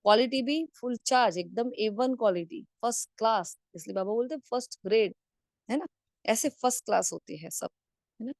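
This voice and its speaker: A woman's voice: fairly high pitch, fairly quick, darkish tone, no echo, studio quality. Woman teaching with rhetorical questions. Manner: rhetorical questions with frequent tag questions. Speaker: spiritual class teacher. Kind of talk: spiritual discourse. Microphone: video call.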